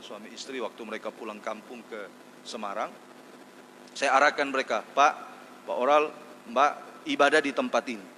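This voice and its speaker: A man's voice: fairly high pitch, pushed and bright. A man preaching a sermon as pastor, stressing points and repeating key phrases. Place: church hall. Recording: long hall reverb, faint noise.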